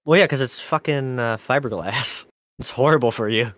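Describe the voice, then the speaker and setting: A man's voice: medium pitch, normal speed, fairly bright tone, no echo, clean studio sound. A man in his twenties co-hosting a casual podcast chat, laid-back and swearing freely. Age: 20s. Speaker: podcast co-host.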